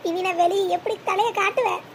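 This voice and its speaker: Cartoon part: a woman plays a self-pitying old mother-in-law, shrill and high-pitched, with a noisy track behind. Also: fairly even intonation, quick pace. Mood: lamenting. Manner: lamenting, self-pitying wails. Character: elderly village mother-in-law, wailing over family shame. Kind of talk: Tamil cartoon dubbing.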